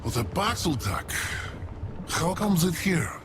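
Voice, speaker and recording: An actor voicing an ancient, weary, plague-stricken creature in a fantasy video game, speaking in archaic, halting phrases with theatrical pauses. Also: male voice, on the high side, big pitch swings, background noise. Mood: weary, musing. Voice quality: creaky, gravelly. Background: music.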